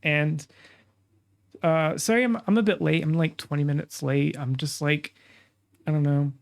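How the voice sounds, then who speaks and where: A casual streamer talks to the chat while reacting to videos. The voice sits at a medium pitch and is stuffy and nasal, as though the nose were pinched shut. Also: normal speed, vocal fry. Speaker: streamer and host.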